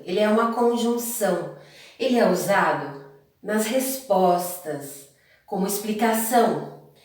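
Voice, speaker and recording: A woman's voice: medium pitch, darkish tone. Female teacher, explanatory classroom delivery, recorded from a distance in a very echoey room. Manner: explanatory, repeats points, addresses students directly. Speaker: Portuguese teacher. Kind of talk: grammar lesson to students.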